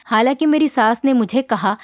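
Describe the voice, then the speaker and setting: A woman narrating a first-person family story in an even, plain storytelling tone. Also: on the high side, moderate pace, dry recording, clean studio sound.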